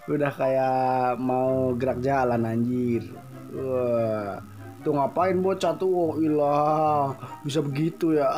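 A man's voice: medium pitch, a little mellow. A young man speaking Jakarta colloquial Indonesian, giving a rambling, joking voice-over commentary as a motovlogger. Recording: background music under voice.

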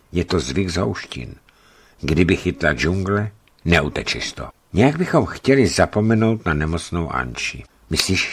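Man reading a travelogue, very low voice, calm steady storytelling. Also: breathy edge. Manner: calm storytelling, lifts his voice for quoted speech. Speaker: narrator reading a travel book. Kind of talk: scripted narration of a travelogue.

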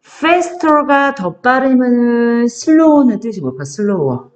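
A young woman teaching a child one-on-one in a patient, coaxing way. Her pitch swings widely as she encourages the child, and she speaks slowly, drawing out each sentence she reads aloud. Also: animated, highs cut off. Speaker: tutor.

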